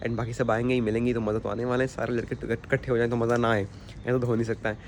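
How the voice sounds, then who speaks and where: A young man vlogging to a handheld camera, excitable and mixing Hindi and English as he talks. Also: mid-range voice, very fast. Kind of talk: casual vlog talk to camera. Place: outdoors at a shopping mall at dawn. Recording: noticeable background noise.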